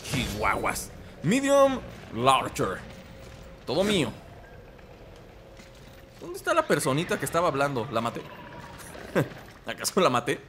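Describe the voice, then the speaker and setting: A man's voice: medium pitch, huge pitch swings, unhurried, long pauses, slight background noise. A young man with a Mexican accent, commenting playfully on a game he is playing and joking with its characters. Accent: Mexican Spanish. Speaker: gaming commentator. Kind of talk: let's play commentary. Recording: game music loud behind voice. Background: video game music and sounds.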